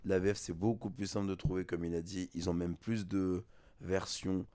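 A man co-hosting a casual podcast chat, laid-back and slangy, often trailing off softly. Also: sits low, little pitch movement, normal speed, no room sound. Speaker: podcast co-host.

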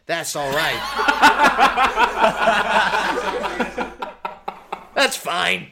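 A man's voice: high voice, big pitch swings, extremely slow, creaky, very noisy. A man playing a tabletop game, bantering in character in a blustering, playful way. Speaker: tabletop player.

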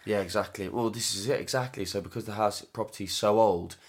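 A British man with a distinctly low voice co-hosts a podcast. He talks in a casual, conversational way. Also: fairly even intonation, fast talker, breathy edge. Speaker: podcast co-host, property developer.

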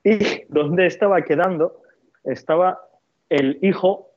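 A man from Spain talking as a guest on a casual podcast, animated and quick to laugh and swear. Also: sits high, no echo, lo-fi sound.

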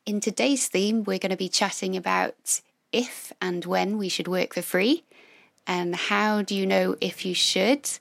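A woman with a gravelly voice chatting casually and reflectively as a friendly podcast co-host. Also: mid-range voice, a little slow, fairly bright tone, no room sound.

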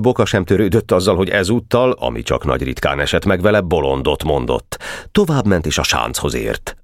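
A man narrating a classic novel as an audiobook, with an expressive storytelling delivery on a close microphone. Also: extremely low pitch, no room sound. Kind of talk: scripted literary narration.

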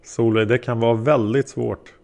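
A man reading the questions of a patient female interrogator, gently probing a witness. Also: mid-range voice, steady tone, vocal fry, natural voice. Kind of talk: read-aloud interrogation transcript.

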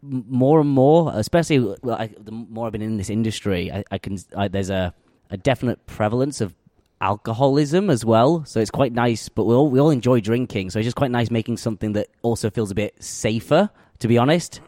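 A man's voice: mid-range voice, a little fast, warm tone, no room sound, studio quality. A man from the north of England with a Yorkshire accent, a head brewer chatting as an interview guest, laughing often and restarting his sentences. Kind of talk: casual interview chat. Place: brewery tap room.

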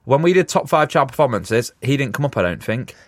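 A man co-hosting a casual podcast who fires off short questions and swears bluntly. His pitch moves lively up and down, recorded dry and close. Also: fairly quick, no room sound. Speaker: podcast co-host. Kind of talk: casual film chat.

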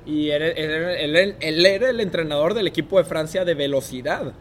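A young man with a Mexican Spanish accent speaks at a moderate pace in a slightly high voice carrying a faint hiss or hum. He's a guest in a casual interview, telling a story and performing other people's lines along the way.

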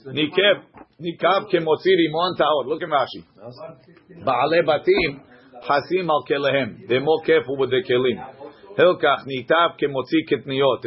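A man's voice: a little high, lo-fi sound. A man giving an informal Talmud lesson as a teacher, reading phrases aloud and explaining them in short glosses.

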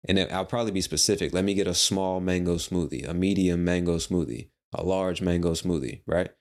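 A man's voice: low voice, steady tone, fairly quick. A man hosting a casual solo podcast, talking in a rambling, playful way with the odd swear word. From United States. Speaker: podcast host.

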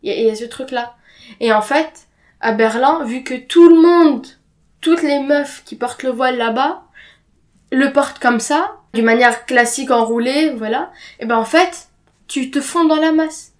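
A young woman, a native Arabic speaker, talks openly and casually about her life as a guest on a podcast. Her voice is high and her pace normal, and she uses slang with the occasional English word mixed in.

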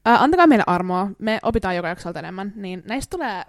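A woman's voice: mid-range voice, animated, dry recording. A young woman co-hosting a podcast in casual chat, giggling and dropping English phrases into her talk, recorded in a home studio. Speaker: podcast co-host.

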